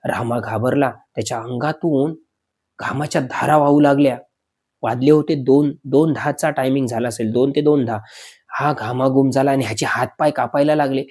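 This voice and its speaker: A man narrating a spoken horror story, dramatic, calling his listeners friends, with pauses and fillers as he slows for suspense. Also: medium pitch, a little mellow, breathy edge.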